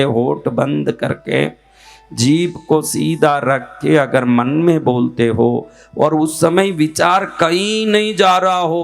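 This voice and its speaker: Man, spiritual teacher, very slow measured delivery, somewhat high voice, quizzes the listeners, faint music behind. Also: gravelly. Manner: asks listeners questions, then answers them. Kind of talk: devotional teaching talk.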